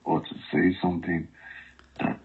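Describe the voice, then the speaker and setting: Guy on a voice changer, super deep and gravelly, slow and halting, dull lo-fi call sound. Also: flat delivery. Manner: defensive, halting and pleading. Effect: voice changer, unnaturally deep and gravelly. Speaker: caller in an online romance. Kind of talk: phone call.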